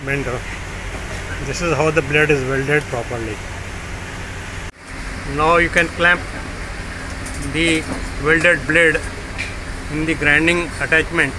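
A man giving slow, step-by-step instructions while demonstrating a machine in a workshop. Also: on the high side, steady tone. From India. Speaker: product demonstrator. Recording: noisy workshop recording.

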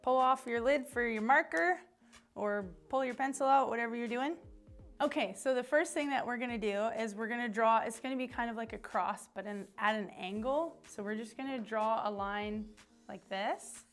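Speaking a little high and at a moderate pace, a woman guides young children through a drawing activity in an upbeat church lesson. She's encouraging and chatty, with playful asides, and there's faint music behind her.

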